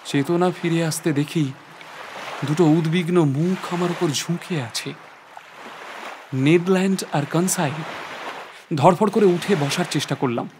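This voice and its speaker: An actor playing an earnest, weary professor who narrates his ordeal in a dramatic, halting way. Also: a little high, noisy background, natural voice. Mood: tense, grave. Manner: dramatic, halting, with repeated words. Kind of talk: dramatised first-person story narration.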